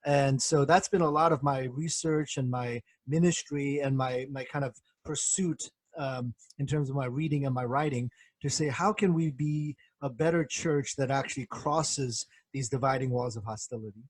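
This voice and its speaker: Man, middle-aged, husky, dry sound, reflective, measured. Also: mid-range voice, dry recording. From born in Korea, grew up in the United States. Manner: measured, reflective, many soft fillers. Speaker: guest, professor and former pastor. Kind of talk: thoughtful interview answers.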